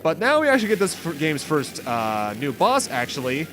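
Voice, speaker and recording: Here the playthrough host has a slightly high voice whose pitch swoops wildly, speaking at a moderate pace. Game music plays behind him as he delivers rambling commentary, constantly cutting himself off with asides.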